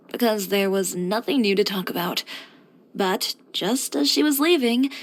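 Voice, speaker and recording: A woman voices a self-assured young boutique tailor in a video game, delivering character lines with light acting. The tailor is blunt and headstrong yet composed, speaking in a mid-pitched voice with a matter-of-fact, dryly confident tone that feels wry and exasperated.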